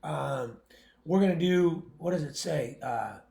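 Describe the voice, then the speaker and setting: A man's voice: on the high side, a little slow, gravelly, warm tone. A man who owns a winery, talking casually on a livestream in a blunt, opinionated, jokey way. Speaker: winery owner and winemaker. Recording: roomy echo.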